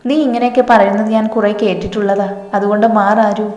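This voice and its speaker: A woman voicing a nagging middle-aged mother who gives brisk, fussing commands. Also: mid-range voice, steady tone, darkish tone, natural voice. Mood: scolding. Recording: echoey, reverberant room with faint music.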